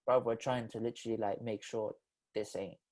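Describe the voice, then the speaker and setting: A man's voice: on the low side, steady tone, brisk, a little mellow. A man in his twenties from the Philippines, a podcast host in casual chat, loose and slangy, turning earnest on serious topics. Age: 20s.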